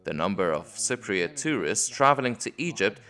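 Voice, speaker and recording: Male voice-over for interview translation, calm and even, lower-pitched voice. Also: normal speed.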